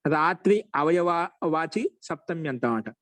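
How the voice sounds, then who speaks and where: A man teaching a grammar lesson in an online class. His voice sits a little high. He says the example phrases slowly and repeats them, and the recording is close and dry with no room sound. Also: fairly bright tone, dry recording, poor audio.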